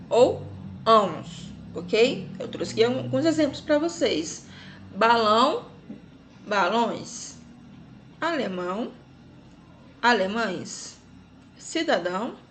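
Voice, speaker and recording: A woman's voice: a little high, a little hiss or hum. A Brazilian woman teaching grammar rules, explaining patiently and checking in with "ok?" after each point. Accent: Brazilian Portuguese.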